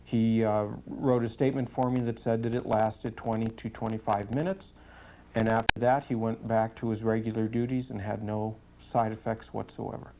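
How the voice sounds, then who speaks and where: A man's voice: on the low side, level tone, normal speed, slight background noise, poor audio. Matter-of-fact man giving an earnest testimonial. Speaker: police sergeant giving a testimonial. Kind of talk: spoken testimonial in an interview.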